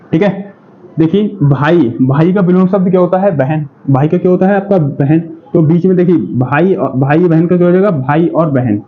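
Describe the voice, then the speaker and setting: A male Hindi teacher preparing students for exams speaks in a high voice, drilling them with call and answer in a classroom-style lesson. He poses questions, answers them himself and keeps saying "ठीक है", all on a dull, lo-fi recording.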